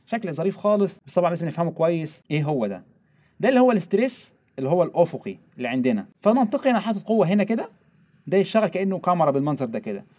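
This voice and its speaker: A young man with an Egyptian Arabic accent, teaching a screen-recorded software lesson step by step and mixing in English technical terms. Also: on the high side. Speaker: software tutorial instructor.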